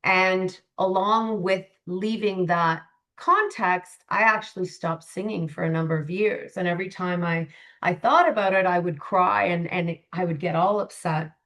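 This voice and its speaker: A woman's voice: on the low side, steady tone, measured pace, a bit bright. A woman from Canada, a life coach, speaking as a guest on an interview podcast in an earnest, reflective way with frequent fillers. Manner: reflective, earnest, many "you know" fillers.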